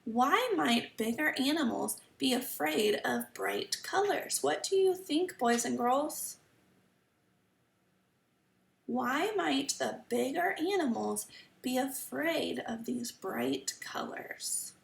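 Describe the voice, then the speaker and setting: A woman reading a picture book aloud to children like a kids show host, stopping to ask questions and explain simply, with a creaky voice. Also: sits high, lively intonation, slow pace. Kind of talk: children's story time read-aloud lesson. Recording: roomy echo, slightly distant mic.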